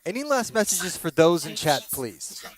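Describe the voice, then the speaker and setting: A man's voice: on the high side, sing-song, normal speed. A man hosting a late-night live stream and trying to contact spirits, talking to his chat in a wry, self-mocking way. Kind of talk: casual live-stream commentary.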